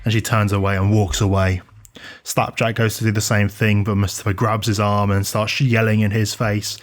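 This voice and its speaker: A man with a fairly low voice talks through wrestling matches on a podcast. He recaps in a loose, chatty way, with plenty of fillers and restarts. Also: flat delivery, moderate pace. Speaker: podcast co-host. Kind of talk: casual wrestling review chat.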